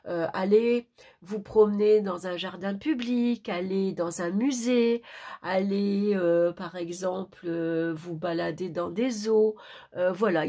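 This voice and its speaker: A woman's voice: medium pitch, gravelly, a little mellow, husky. A woman with a sore throat from tonsillitis presenting an informal tarot horoscope reading, subdued and searching for her words.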